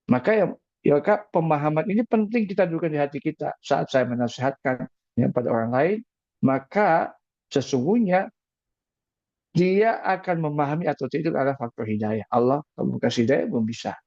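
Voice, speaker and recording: Lively male preacher, dull dry sound. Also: on the high side, normal speed, no room sound. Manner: lively, asks the audience questions, repeats key phrases. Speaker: preacher giving an evening talk. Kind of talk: evening religious talk on marriage.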